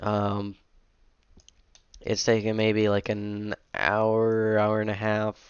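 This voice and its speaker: A young man with a cold and a sniffly voice rambles casually while editing a game map, a modding streamer full of fillers and self-corrections. His low-ish, clear, resonant voice is completely flat and slow. He uses a headset at a home computer, and the audio has no echo but the highs are cut off.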